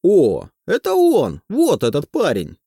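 A man's voice: a little high, huge pitch swings, slow pace, darkish tone, dry recording, clean studio sound, voice pushed up, heavily acted. A man voicing a curt, dutiful gray-haired male security guard in an audiobook.

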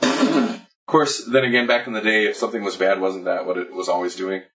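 A man's voice: fairly low pitch, fairly even intonation, fairly quick, a bit bright, far from the mic, low-quality recording. Rambling man, a bit off-mic. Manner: rambling, profane, explains at length. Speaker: podcast co-host. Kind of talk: casual drunk chat about comics.

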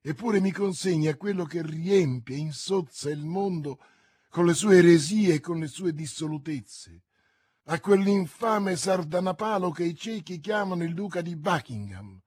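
A woman's voice: on the low side, unhurried, a little mellow, slightly rough, dry recording, studio quality. A man reading aloud, voicing a scheming, seductive noblewoman prisoner in an impassioned, declaiming way. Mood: scornful.

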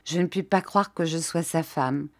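A woman voicing a young noblewoman who speaks in a light, amused, higher voice. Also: moderate pace, dry recording, studio quality. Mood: wondering.

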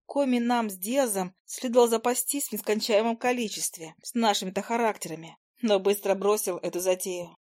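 A woman narrates a first-person fantasy tale with lively storytelling. Her voice sits in a middle pitch. The recording is dry and close. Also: no echo. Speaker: audiobook narrator.

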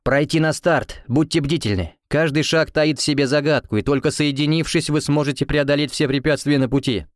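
A man voicing a formal, stern male instructor in an audiobook, slow and ornate. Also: on the high side, fairly even intonation, dry recording, clean studio sound, pitched above the performer's own voice, lightly acted. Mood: solemn.

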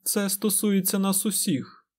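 A man voicing a calm, stern woman sorceress who speaks in a measured way. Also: a little high.

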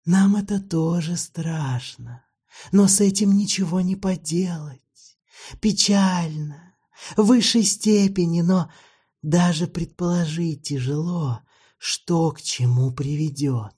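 A man puts on an old vampire for a dark fantasy audiobook: higher and softer than the narration, nearly a whisper at times, drawing out each ornate, courtly phrase. The mellow, husky tone suits his gentle, sorrowful irony. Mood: mournful, patient. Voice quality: soft, half-whispered, drawn-out. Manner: slow, ornate, mournfully polite. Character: ancient weary male vampire, courtly, gently ironic.

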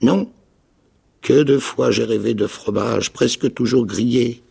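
An actor playing a ragged, half-mad old marooned pirate with a raspy, creaking voice, pleading and eager in a dramatic radio reading of a novel. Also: male voice, a little slow, exaggerated voice. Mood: wistful pleading. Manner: high, pleading, eager voice with excited leaps.

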